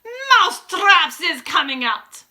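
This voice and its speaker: A woman voicing a wicked old witch from a storybook, shouting imperiously and chanting in broken grammar as she gloats. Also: high voice, lively intonation, normal speed, voice pushed up, exaggerated voice. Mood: loud, gloating. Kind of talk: dramatic storybook read-aloud.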